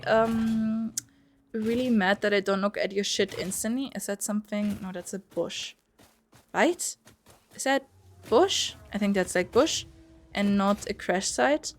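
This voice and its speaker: A woman's voice: mid-range voice, slight background noise. Rambling, foul-mouthed young woman streamer. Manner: rambling, swears freely, chats with viewers. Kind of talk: casual gameplay commentary. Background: faint music.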